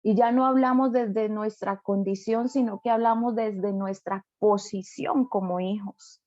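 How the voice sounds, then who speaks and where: A woman's voice: mid-range voice, fairly even intonation, measured pace, a little mellow, no echo, muffled recording. A woman pastor preaching a sermon emphatically, often adding rhetorical tag questions.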